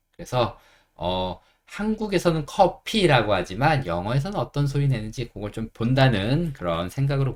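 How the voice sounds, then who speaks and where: Patient male English teacher with a lively voice. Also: medium pitch. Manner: patient, repeats sounds slowly and reassures learners. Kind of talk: beginner English pronunciation lesson.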